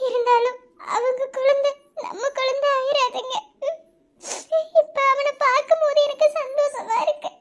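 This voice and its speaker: A woman voicing a tender, grieving foster mother in a cartoon, with a Madurai Tamil accent, speaking softly and tearfully, laughing through her sorrow. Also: extremely high pitch, little pitch movement, normal speed. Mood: sorrowful. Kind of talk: cartoon voice acting.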